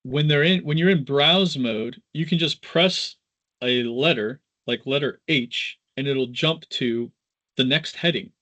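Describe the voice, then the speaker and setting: A man instructor giving a casual live software tutorial, informal and halting as he thinks aloud. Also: medium pitch, muffled recording.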